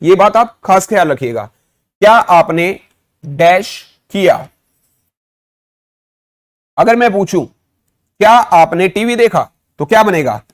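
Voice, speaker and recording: Slow, higher-voiced Indian teacher. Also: male voice, animated. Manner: explains step by step, quizzes the viewer with repeated questions; says English example sentences slowly and deliberately. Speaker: spoken English teacher. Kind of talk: classroom lesson.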